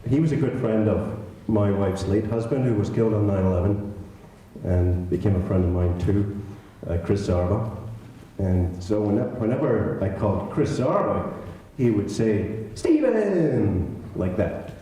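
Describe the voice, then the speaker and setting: Halting Scottish man giving a eulogy. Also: fairly low pitch, warm tone, slight background noise. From Scotland. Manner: halting, many fillers and restarts, light humor. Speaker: eulogy speaker. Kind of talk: memorial speech. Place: village hall. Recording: echoey hall from far off.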